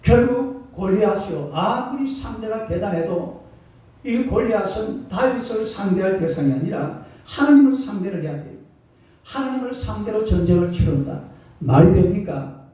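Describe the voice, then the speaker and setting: Animated pastor in an echoey sanctuary. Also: male voice, high-pitched, normal speed. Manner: animated call-and-response preaching, colloquial and emphatic. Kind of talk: sermon. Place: church sanctuary. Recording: distant, echoey, dull church recording.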